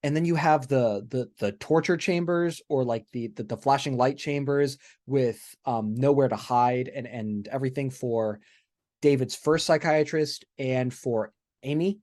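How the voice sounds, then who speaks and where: A man's voice: mid-range voice, unhurried, darkish tone. A man co-hosting a podcast, talking casually and enthusiastically, restarting often and checking in with "right?". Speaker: podcast co-host.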